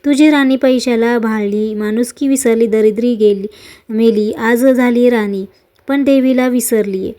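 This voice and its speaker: A woman's voice: on the high side, unhurried, warm tone, natural voice. A woman voicing an angry old beggar woman, a disguised goddess, in a read-aloud devotional story, scolding bitterly. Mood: indignant.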